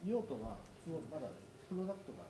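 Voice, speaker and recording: A man's voice: a little high, animated, very fast. A man with a Japanese accent answering questions casually and hesitantly, groping for words. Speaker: audience member. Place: indoor meetup venue. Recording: echoey room, far from mic, background noise.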